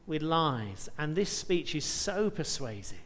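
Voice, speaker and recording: A man's voice: fairly high pitch, sing-song, slow, a bit bright, big-room sound. A man preaching a sermon, reading scripture aloud with rising emphasis and asking rhetorical questions.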